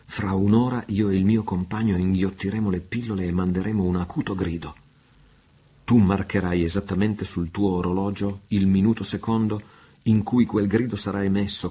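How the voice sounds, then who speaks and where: Fiery pirate captain, deep husky voice, steady low delivery, declamatory, read by a man. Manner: impassioned, declamatory. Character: passionate pirate captain, grieving and defiant.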